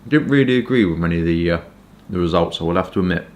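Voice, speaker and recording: A man from Kent with a southern English accent, chatting informally and hesitantly in a rambling casual review, with stop-start pauses. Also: sits low, darkish tone. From Kent, England. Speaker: pipe tobacco reviewer.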